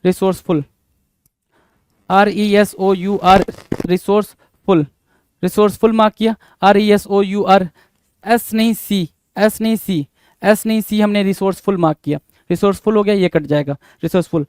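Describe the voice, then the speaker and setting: A man with a high, smooth, clear voice leads an exam spelling lesson. He spells each word out letter by letter and keeps asking his students what the answer is. The sound is close and dry. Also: steady tone, moderate pace, a little mellow, no room sound. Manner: spells words letter by letter, repeats questions to students. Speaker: teacher.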